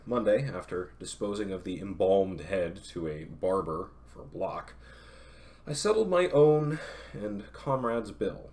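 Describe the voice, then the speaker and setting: Low in pitch with a darkish tone, a young man's voice carries a classic novel read aloud on a stream, interrupted now and then by chatty remarks to viewers where he corrects himself.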